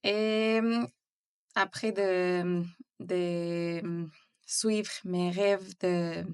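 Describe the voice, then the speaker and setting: A hesitant woman from Mexico City, a native Spanish speaker, talks as a guest about founding her bakery in a casual interview. Her lowish voice is clear and resonant, fairly even in intonation and extremely slow, full of fillers and restarts.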